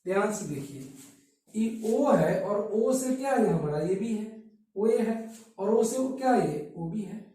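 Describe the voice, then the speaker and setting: Slow, echoey teacher far from the mic. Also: mid-range voice, animated, mellow. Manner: asks questions and answers them himself, repeating key terms. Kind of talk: blackboard maths lesson. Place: study centre classroom. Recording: echoey room, distant from mic.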